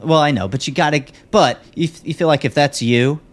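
A man's voice: on the high side, a little fast. A man co-hosting a podcast in casual chat, rambling with lots of fillers and restarts. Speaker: podcast co-host.

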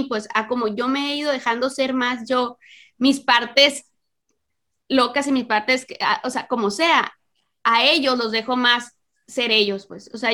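A woman's voice: sits high, sharp tone. A woman chatting casually about being a mother, thoughtful and full of fillers. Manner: reflective, many fillers. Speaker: mother in a group chat. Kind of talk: casual chat.

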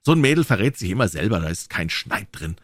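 A man's voice: on the low side, very animated, fast talker, dry recording. A man voicing a cocky young schoolboy who scoffs while muttering to himself. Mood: scornful.

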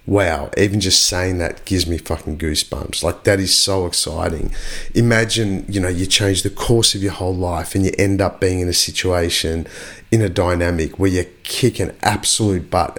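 A man with a fairly low voice talks straight to his podcast listeners in a loose motivational monologue. He swears freely and hammers his points home by repeating phrases. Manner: casual, profane, emphatic, repeats phrases. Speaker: podcast host.

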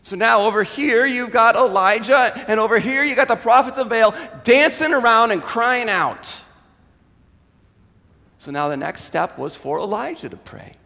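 A man preaching a sermon as a pastor, retelling a story in an animated way and acting out the quotes. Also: very high voice, normal speed, creaky, big-room sound.

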